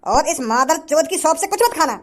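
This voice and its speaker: A woman's voice: sits high, expressive, fairly quick. Woman doing a brash, showy rich young man. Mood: boastful. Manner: bossy, lecturing, boastful. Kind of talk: cartoon comedy voice acting.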